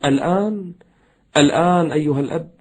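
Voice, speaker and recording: A man delivering a sermon in a slightly high voice. He talks fast and with fervor as he tells stories, then slows to chant verses. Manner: fast, fervent storytelling; chants poetry and verses slowly. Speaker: preacher.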